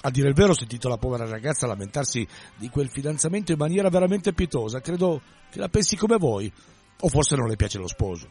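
A man voicing a shy, devout young companion in a read-aloud novel scene, speaking gently and earnestly. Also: mid-range voice, very animated, fast, breathy edge, faint music behind. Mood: placating. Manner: gentle, earnest, hasty to apologize. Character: timid, pious young companion, secretly a girl.

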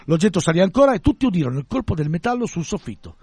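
Man, radio co-host, dramatic reader, lively pitch, husky, dry sound. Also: rapid-fire, no echo, faint music behind. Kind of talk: radio reading and casual chat.

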